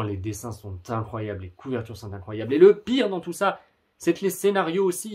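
A man's voice: medium pitch, darkish tone, slightly rough. A man giving a casual video review of manga, gushing with superlatives and adding apologetic asides.

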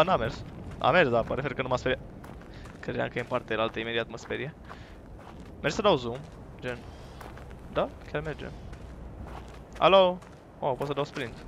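A man giving loud, profane let's play commentary on a horror game, talking to his viewers and yelping at scares. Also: medium pitch, background noise. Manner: jumpy, profane, loud outbursts; talks to viewers while playing. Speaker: gaming YouTuber.

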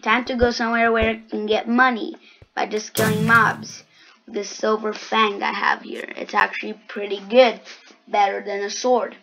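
A woman's voice: mid-range voice, level tone, moderate pace, vocal fry, a bit bright, soft background music. A woman hosting a gaming channel, giving casual gameplay commentary with sarcastic, grumbling asides.

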